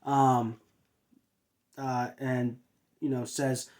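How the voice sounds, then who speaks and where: A man's voice: mid-range voice, little pitch movement, extremely slow, a little mellow. Man recapping, full of uhs. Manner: hesitant, filler-heavy with frequent uhs and restarts. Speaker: wrestling show reviewer and host. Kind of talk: casual spoken recap.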